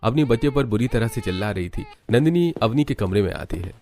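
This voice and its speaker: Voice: medium pitch, a little fast. शांत, सधी आवाज़ में कहानी सुनाने वाला. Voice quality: even, storytelling. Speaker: narrator. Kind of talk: scripted story narration.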